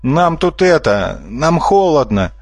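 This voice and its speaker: A man's voice: on the high side, very animated, slow pace, no room sound, voice pushed up, heavily acted. A man voicing a timid male beaver who talks in a plaintive way.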